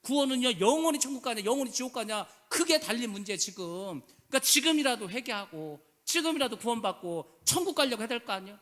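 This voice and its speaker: Male pastor, high bright voice, rapid emphatic sermon, echoing church hall. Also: animated. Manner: emphatic, rhetorical questions, casual speech endings. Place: church sanctuary.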